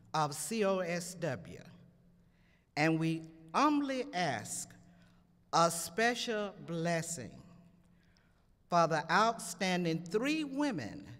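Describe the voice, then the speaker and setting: A woman offering a solemn public prayer at a luncheon ceremony in a large hall. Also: on the low side. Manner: slow, solemn, rising and falling delivery. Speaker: invocation speaker. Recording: long reverb in a large hall.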